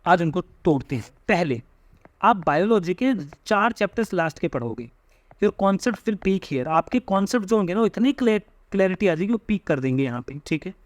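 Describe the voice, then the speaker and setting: Young Indian male guide, insistent tutor delivery, high-pitched, dry recording. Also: lively intonation, normal speed, no room sound. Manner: emphatic, repeats tag questions like "theek hai". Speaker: exam coaching guide. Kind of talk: direct-to-camera study advice.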